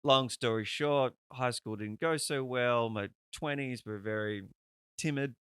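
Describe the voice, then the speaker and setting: A man's voice: medium pitch, a little slow, fairly bright tone, smooth, dry recording, clean studio sound. A man, hosting a podcast in a chatty, rambling way and swearing freely. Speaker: podcast host. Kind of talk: casual conversational interview.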